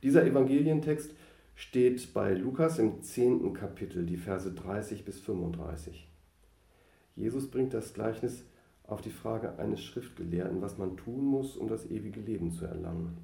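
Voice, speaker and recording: Lower-voiced man, mellow tone, formal scripture reading in a roomy space. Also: lively intonation, normal speed, gravelly. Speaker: scripture reader. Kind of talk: read-aloud Bible passage. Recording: roomy echo.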